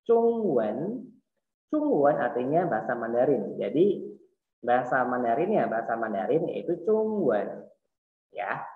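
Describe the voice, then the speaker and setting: A man with an Indonesian accent teaching a Mandarin class online, explaining patiently and repeating words slowly. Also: medium pitch, big pitch swings. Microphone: video call. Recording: echoey tinny online call audio.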